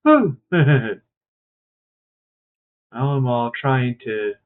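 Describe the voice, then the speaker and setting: A man's voice: medium pitch, very animated, very slow. A man streaming and commentating a wrestling video game in a casual, hesitant way, his voice coming through a tinny, tin-can-sounding mic. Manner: hesitant and musing, with many fillers. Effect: tinny, tin-can-like phone sound.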